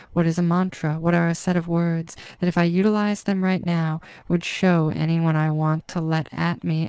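A woman speaking as a hypnotist, giving a slow, soft, repetitive trance induction. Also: on the low side, clear, resonant tone, no echo. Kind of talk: scripted erotic hypnosis narration.

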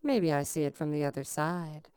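A woman speaks in a low, very smooth voice, close and intimate, as if right in your ear. She delivers an adult hypnosis monologue at an unhurried pace, coaxing and lingering on words. The sound is dry. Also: a little mellow, no room sound.

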